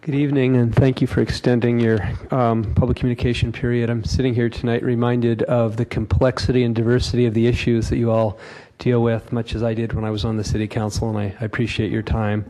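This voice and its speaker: A man who once served on a city council, addressing the council politely and calmly during public comment. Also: medium pitch, quick pace, few pauses, low-quality recording.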